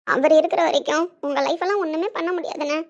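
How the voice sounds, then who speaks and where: A woman's voice: sits high, quick pace. A woman playing a tearful young wife who earnestly pleads for her husband in a family skit. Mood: earnest pleading. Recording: dull lo-fi recording.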